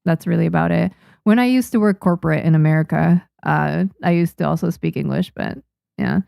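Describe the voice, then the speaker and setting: Her voice on the low side, gravelly and dark yet clear and resonant, this young Japanese manga artist, a native Japanese speaker, talks a little fast while casually chatting with livestream viewers about their comments. She restarts often and laughs lightly, in studio-quality audio with no room sound.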